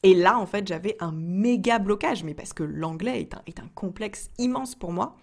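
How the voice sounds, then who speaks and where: Young woman vlogging, chatty and candid, trips over her words a lot, mid pitch. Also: moderate pace, gravelly. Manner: candid, chatty, many restarts. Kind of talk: casual personal vlog.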